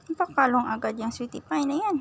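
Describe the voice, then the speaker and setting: A woman's voice: high voice, animated, fairly quick. A woman talking doting baby talk to her cat at home, mixing Tagalog and English. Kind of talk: casual baby talk to a pet. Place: outdoors at home after sweeping.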